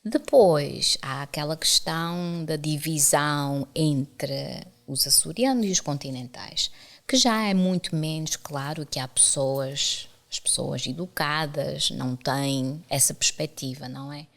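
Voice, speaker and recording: Low-pitched and creaky, the voice belongs to a middle-aged woman from the Azores with a Portuguese accent, a professor and author being interviewed. She talks a little slowly, speaking frankly and telling anecdotes in a conversational way.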